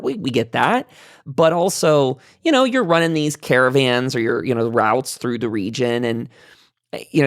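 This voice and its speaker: A man with a mid-range voice moderates a casual gaming roundtable for a podcast, rambling, hedging out loud, and frequently cutting himself off. The recording is studio quality with no echo.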